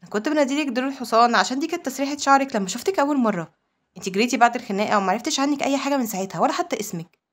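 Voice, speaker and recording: A woman with an Egyptian accent voicing a brash, teasing young orphan man in a recap of a comic story, talking fast and mocking. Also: high voice. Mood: defensive. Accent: Egyptian Arabic.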